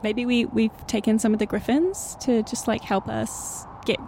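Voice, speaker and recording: Woman, fairly high pitch, improvised storytelling, giggly, mock-earnest, some background noise. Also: fairly even intonation, normal speed, a little mellow, rough recording. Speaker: co-player in an improvised storytelling show. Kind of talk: playful improvised group storytelling.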